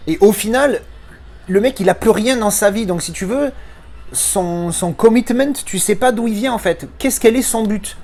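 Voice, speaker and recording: A man's voice: high voice, normal speed, darkish tone. A man speaking French as his first language gives a casual spoken film review, ranting and swearing with frequent restarts.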